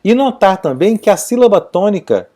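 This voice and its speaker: Lively, mellow-voiced male teacher. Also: high voice, normal speed. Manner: explanatory, checks in with listeners often. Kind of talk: video lesson.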